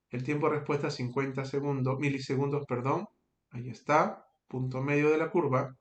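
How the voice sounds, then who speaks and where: A man's voice: a little high, a bit bright. Patient man teaching statistics, roomy echo. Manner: patient, checks in with frequent tag questions. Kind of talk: screen-recorded tutorial.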